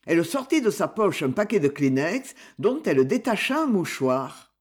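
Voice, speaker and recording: A man narrating a literary novel aloud in a measured storytelling manner. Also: high-pitched. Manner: measured storytelling with lively intonation. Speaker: audiobook narrator.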